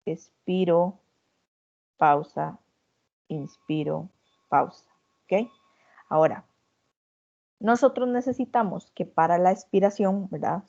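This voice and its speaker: A woman teaching an online anatomy lesson, explaining step by step and demonstrating, with filler words and quick self-corrections. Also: lowish voice, warm tone, dull audio.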